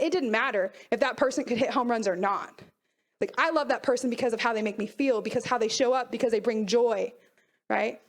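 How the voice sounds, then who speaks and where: High-voiced energetic woman coach. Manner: energetic, asks the audience questions. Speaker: mental performance coach. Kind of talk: motivational talk to a youth team.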